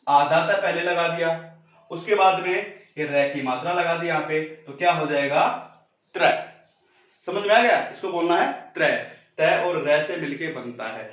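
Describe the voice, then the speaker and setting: A man teaching a pronunciation lesson, repeating each sound slowly and quizzing the listener. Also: fairly high pitch, fairly bright tone. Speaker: Hindi teacher. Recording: very echoey muffled room.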